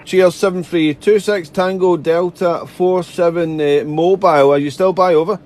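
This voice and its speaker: A man's voice: high voice, fairly even intonation, normal speed, darkish tone. A man making amateur radio contacts, chatty and polite, repeating himself and spelling out callsigns phonetically. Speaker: amateur radio operator, live streamer. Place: radio desk indoors.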